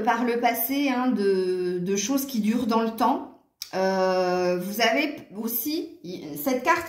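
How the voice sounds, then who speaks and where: A woman's voice: a little high, reverberant. A woman with a southern French accent giving a chatty tarot reading straight to her viewers, laughing often between remarks. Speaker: tarot card reader.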